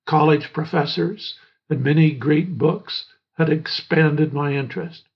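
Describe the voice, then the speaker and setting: Older guy slowly reading his memoir, raspy voice, dull lo-fi sound. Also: on the high side. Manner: slow, measured, reflective storytelling. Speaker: memoir narrator. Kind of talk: reading a personal memoir aloud. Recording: dull lo-fi recording.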